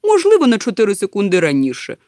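A woman's voice: medium pitch, wildly swooping pitch, fast talker, a little mellow, no room sound, studio quality, voice pushed up. A woman voicing an eager, absent-minded male professor in a storybook, precise and lecturing. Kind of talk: storybook reading.

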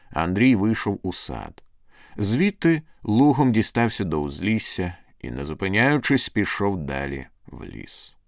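A man narrating a storybook in a scripted, expressive, dramatic reading. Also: deep voice, no echo, clean studio sound.

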